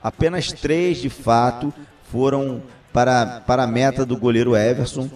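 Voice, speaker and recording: A Brazilian man giving unscripted football analysis in a halting way, repeating words as he recaps. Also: medium pitch, fairly even intonation, a little mellow, far from the mic.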